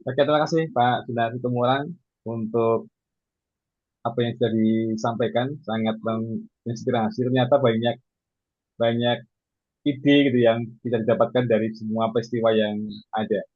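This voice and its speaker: Husky-voiced man moderating over a tinny line. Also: mid-range voice, level tone, moderate pace, pauses often, no echo. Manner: polite, formal, addresses audience as Bapak Ibu. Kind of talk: formal event hosting. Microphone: video call. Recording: tinny dry phone-like line.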